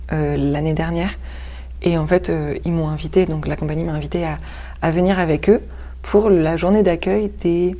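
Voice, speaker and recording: A woman's voice: sits low, mellow. A woman actress and stage director talking in a casual interview, searching for her words with frequent restarts.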